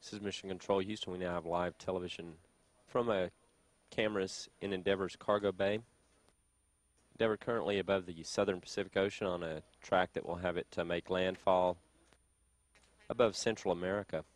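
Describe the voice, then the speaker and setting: A man giving live space mission commentary as a mission control announcer, in a measured official manner with small pauses. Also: deep voice, fairly even intonation, dry recording.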